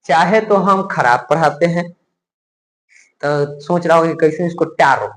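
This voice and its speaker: A male teacher giving a grammar lesson to a class, drilling sounds slowly and often asking the students if they have understood. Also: on the high side, a bit bright, poor audio. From India. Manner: asks students frequent check questions.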